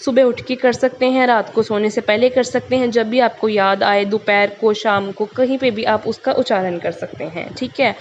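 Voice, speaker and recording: A young woman hosting her own channel, talking in a relaxed, chatty way about a mantra, with lots of casual English fillers. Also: on the high side, moderate pace, few pauses. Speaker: tarot channel host. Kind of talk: casual spiritual talk. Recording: muffled lo-fi recording with faint hiss.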